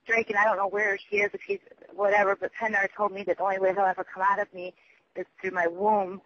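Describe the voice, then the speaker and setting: Recorded over the phone, this voicemail has a dull, lo-fi quality with a little hiss or hum. The man's voice is high and his tone level as he rambles on at length, halting, cursing and losing track of what he was saying.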